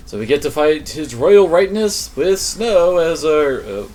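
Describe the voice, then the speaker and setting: A man's voice: fairly high pitch, very animated, a little slow, a little mellow, soft background music. A man streaming a game with casual commentary and wry, sarcastic asides.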